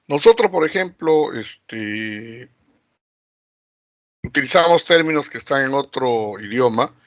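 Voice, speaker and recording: Slow-talking Peruvian teacher lecturing. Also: male voice, medium pitch, no room sound. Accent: Peruvian Spanish. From Peru. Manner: slow, drawn-out delivery with many fillers and rhetorical questions. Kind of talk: recorded classroom lecture.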